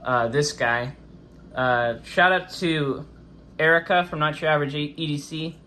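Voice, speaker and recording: A man's voice: on the high side, unhurried, bright, forceful tone, a little hiss or hum. A man hosting a casual, chatty product review, his speech slightly impeded by a swollen face after having wisdom teeth out. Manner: informal, chatty. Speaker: host of a knife review channel.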